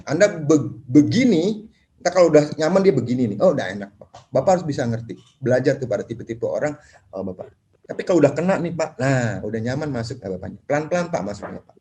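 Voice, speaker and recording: A man speaking at a property seminar, animated, acting out clients in quick voices. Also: medium pitch, a little hiss or hum. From Indonesia. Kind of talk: lively seminar talk.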